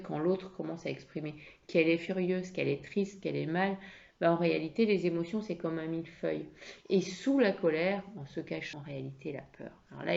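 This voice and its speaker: A woman's voice: low-pitched, creaky, a little mellow, highs cut off. A woman coaching on emotions, talking in a conversational way with many fillers and restarts. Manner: conversational, with frequent fillers and repeated words. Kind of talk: explanatory lesson.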